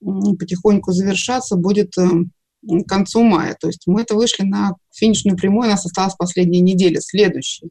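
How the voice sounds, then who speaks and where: A middle-aged woman speaks as an interview guest, measured and explanatory, with a mid-range voice. She lays out her points one by one as a teacher would. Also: mid-range voice, fairly even intonation, warm tone. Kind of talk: broadcast interview.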